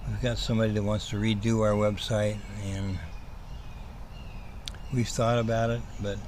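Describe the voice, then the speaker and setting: A lowish-voiced man talks casually on a livestream over clearly audible background noise. His speech whistles slightly through missing front teeth. He rambles in a halting way, repeating words as he searches for the next one. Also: little pitch movement, darkish tone. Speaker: host, cat rescue operator. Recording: clearly noisy ambient background.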